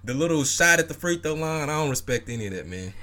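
A man in a casual sports debate, loud and opinionated, ribbing his co-host with emphatic, informal argument. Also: on the high side, expressive, quick pace.

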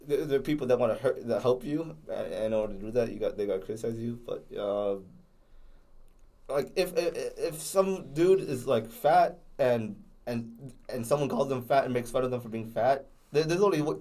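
A man's voice: medium pitch, animated, normal speed, darkish tone. Young man with a slight lisp. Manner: rambling, many restarts and fillers. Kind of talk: casual chat.

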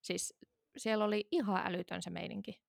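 A woman's voice: mid-range voice, steady tone, gravelly, no room sound, studio quality. A woman in her thirties, a podcast co-host, chatting casually and rambling with many fillers and restarts. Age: 30s. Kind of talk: casual chat.

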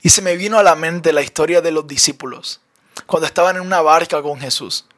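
A young man with a Colombian accent, animated and often laughing as he tells his own story for his podcast. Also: fairly high pitch, fairly quick. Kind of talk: personal testimony storytelling.

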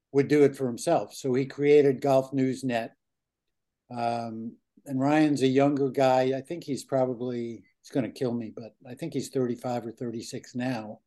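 A man's voice: medium pitch, warm tone. An older man co-hosting a golf podcast, talking earnestly and reflectively, with fillers. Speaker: podcast co-host. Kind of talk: casual chat.

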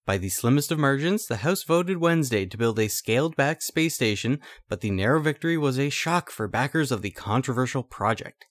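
A man's voice: mid-range voice, expressive, brisk, hardly any pauses, no room sound. A man with a medium voice co-hosts a casual podcast and reads old news stories aloud. His manner is easygoing. The recording is dry and close. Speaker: podcast co-host.

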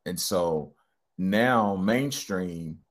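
Deep-voiced man telling his story. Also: drawn-out words. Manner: relaxed, rambling with many ums and restarts. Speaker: hypnotherapist guest. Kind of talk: casual interview answers.

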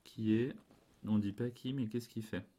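A man's voice: fairly low pitch, steady tone, unhurried, warm tone. A man co-hosting a casual family podcast, talking patiently and drawing out answers with questions, sometimes translating English into French. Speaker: podcast co-host and parent. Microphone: desk podcast microphone.

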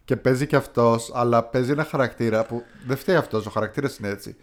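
A man co-hosting a podcast in casual chat, telling stories in a rambling way with many fillers. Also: mid-range voice. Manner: rambling, filler-heavy storytelling. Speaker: podcast co-host.

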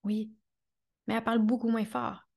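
A woman's voice: mid-range voice, fairly even intonation, moderate pace. A woman with a Québécois accent hosting a motivational podcast, talking earnestly and emphatically, repeating phrases, checking in with her listeners and laughing often. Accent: Québécois French. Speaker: podcast host and coach.

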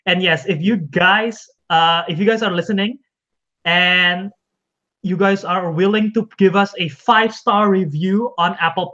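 A man's voice: on the high side, fairly bright tone, muffled recording. A young man hosting a casual movie podcast, chatty and often laughing. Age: young adult. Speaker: podcast host. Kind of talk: casual chat.

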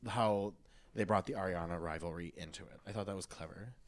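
A man chatting casually on a podcast, animated, acting out quotes. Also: deep voice, a little fast, no room sound. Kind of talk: casual chat.

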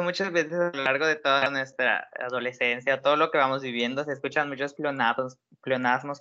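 A man co-hosting a casual educational podcast, explaining in a measured way. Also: medium pitch, sharp tone. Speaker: podcast co-host. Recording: dull lo-fi sound.

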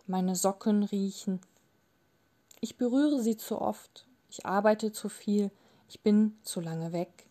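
A woman's voice: medium pitch, slow, mellow, natural voice. A woman reading a bitter, hurt young father. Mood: weary complaint. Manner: bitter, accusing. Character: angry distraught man, a young father.

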